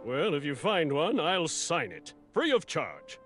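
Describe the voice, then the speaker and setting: A vain boastful knight. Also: male voice, a little high, very animated, measured pace, fairly bright tone, soft background music. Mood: self-adoring. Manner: theatrical, self-adoring, speaks of himself in third person. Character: vain boastful male knight, talks about himself in third person. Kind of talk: video game voice acting.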